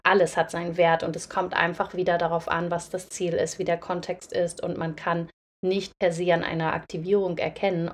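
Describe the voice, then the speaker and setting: A young woman hosting a podcast, speaking in a gentle, reflective monologue directly to her listeners. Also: fairly low pitch. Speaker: podcast host and breathwork facilitator.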